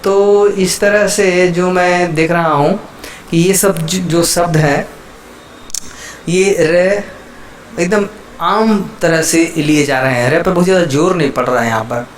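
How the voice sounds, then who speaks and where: A man gives a patient lesson on letters and keeps repeating every example word. His voice sits fairly high and he moves at a very slow, careful pace. He checks in with his listeners constantly as he goes. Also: a little hiss or hum. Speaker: teacher. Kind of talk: explaining Hindi letters to viewers.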